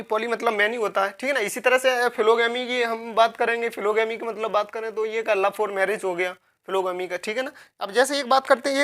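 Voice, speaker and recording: A woman's voice: fairly high pitch, a bit bright. A woman teaching a vocabulary lecture, repeating key words, asking herself questions and spelling words out letter by letter.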